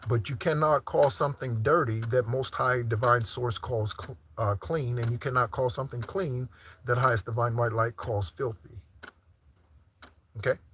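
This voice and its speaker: A man's voice: medium pitch, fairly even intonation, normal speed, a bit bright, slight background noise. A man preaching an informal live-streamed sermon, teaching through repeated rhetorical questions and frequent check-ins. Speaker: preacher leading an online Sunday service.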